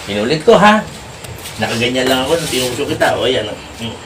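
Very animated and fast-talking, a faith healer sternly presses a spirit with the same brief questions again and again during a healing session. The medium-pitched voice was recorded from far off in an echoey room with loud background noise.

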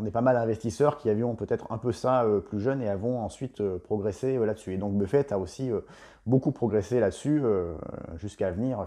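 Mellow-voiced man reviewing books. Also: mid-range voice. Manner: relaxed, hesitant, many "euh" fillers. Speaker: investing blogger and author. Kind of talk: casual book review to camera. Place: home room with bookshelves, indoors. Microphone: lapel mic.

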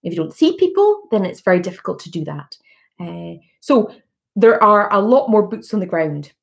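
A Scottish woman in her thirties, a politician answering constituent questions on a video call from her living room, measured and full of fillers and restarts. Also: mid-range voice, very animated, vocal fry. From Scotland. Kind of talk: virtual town hall Q&A. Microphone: laptop webcam on a video call.

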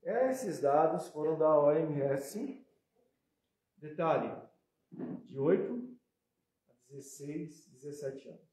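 A man with a Brazilian accent giving a spiritual lecture, conversational, with soft asides and loud emphatic bursts. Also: fairly high pitch, lively intonation, slow, long pauses. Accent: Brazilian Portuguese. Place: hall at a spiritist center. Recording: echoey hall.

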